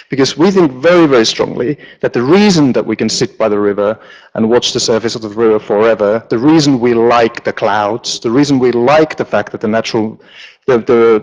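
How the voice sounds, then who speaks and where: A man's voice: mid-range voice, low-quality recording. Guy on stage in a big auditorium, lighting designer giving a laid-back talk, lots of ums, jokes around, ordinary mid voice. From Finland. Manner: relaxed, joking, with frequent fillers. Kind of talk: conference presentation.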